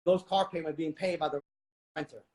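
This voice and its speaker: A man's voice: on the high side, steady tone, brisk, very noisy. A man in his forties from Vietnam, a real estate investor speaking as a guest in an interview, emphatic and preachy, addressing the listeners directly. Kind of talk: motivational interview talk.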